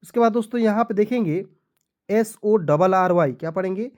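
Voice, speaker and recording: A man's voice: high-pitched, moderate pace, a little mellow. Patient man teaching beginners. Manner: asks questions and answers them himself, spells words letter by letter; patient, repetitive explaining. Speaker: English teacher. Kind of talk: spoken lesson for beginners.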